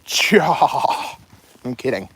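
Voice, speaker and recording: Speaking extremely slowly in a very deep voice with big swings in pitch, a young adult woman chats to her stream viewers during an outdoor walk. She carries a full backpack and meanders between topics, and a little hiss or hum can be heard.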